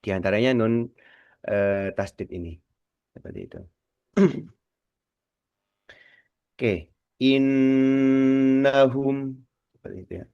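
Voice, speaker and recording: Man, radio tajwid teacher, patient and repetitive, low voice, dull lo-fi dry broadcast sound. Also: creaky, no echo. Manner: slow, patient, repeats words to demonstrate. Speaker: Quran recitation teacher.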